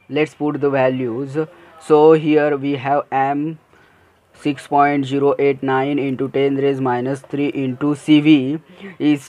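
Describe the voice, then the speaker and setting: A man's voice: medium pitch, darkish tone, dull audio. A man explaining an engineering problem over handwritten notes, hesitant, with fillers and self-corrections. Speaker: engineering tutor. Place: at a desk, filming a notebook.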